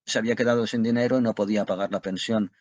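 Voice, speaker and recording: A man narrating an audiobook in a measured, unhurried way. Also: fairly low pitch, steady tone, darkish tone, no echo. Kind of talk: scripted narration.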